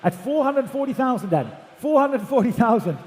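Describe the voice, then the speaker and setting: A man calls bids in a very high-pitched, sing-song chant at normal speed, repeating numbers and often projecting them loudly across a large auction hall. The echoey PA recording carries background noise.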